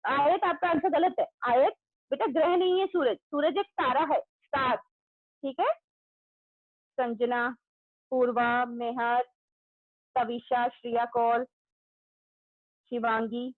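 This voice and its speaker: Loud high-voiced woman teaching an online class. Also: takes it slowly, pauses often, no echo. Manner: loud, calls out pupils' names and praises answers. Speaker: school teacher. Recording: tinny phone-like audio.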